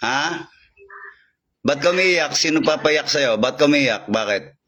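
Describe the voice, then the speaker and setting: A man's voice: fairly high pitch, expressive, background noise. Man chanting commands as a healer. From Philippines. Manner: recites Latin prayers in a rapid drone. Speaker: faith healer. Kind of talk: commanding healing session over a call.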